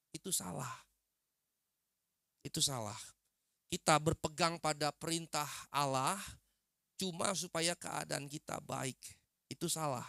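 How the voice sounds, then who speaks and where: Brief: male pastor, bright forceful voice, slightly high, dry close recording, preaches with emphatic repetition. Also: gravelly, no room sound. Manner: emphatic preaching with repeated phrases and questions to the congregation. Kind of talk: sermon.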